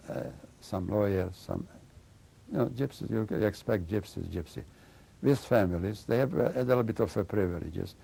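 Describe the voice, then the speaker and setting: An older man giving oral history testimony, halting as he searches for words and often adding "you know.". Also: lowish voice, gravelly, mellow. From Slovakia and Hungary. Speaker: interviewee recounting memories.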